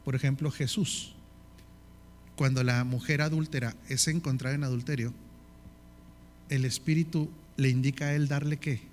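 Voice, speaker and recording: A man's voice: mid-range voice, steady tone, normal speed, long pauses, a little hiss or hum. A man with a northern Mexican accent teaching a leadership course in sermon style, often checking with the audience and listing in repeated phrases. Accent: northern Mexican Spanish.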